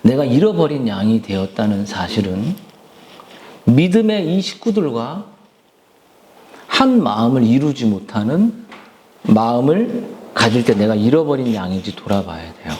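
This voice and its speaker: A man preaching a sermon in a church, telling a story in an animated way and asking the listeners questions. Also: medium pitch, unhurried, slight background noise. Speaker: pastor. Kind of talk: sermon for children and adults.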